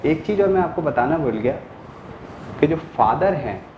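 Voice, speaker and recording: A man's voice: on the high side, animated, normal speed, roomy sound, lo-fi sound, slight background noise. A male teacher giving a lecture, explaining step by step, repeating key words and answering his own questions. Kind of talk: classroom lecture.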